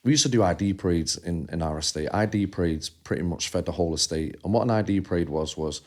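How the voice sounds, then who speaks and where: A man's voice: low-pitched, quick pace. A man co-hosting a podcast, chatting casually and telling stories about his past. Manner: laid-back storyteller, drops into quoted voices. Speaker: podcast co-host. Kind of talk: casual chat.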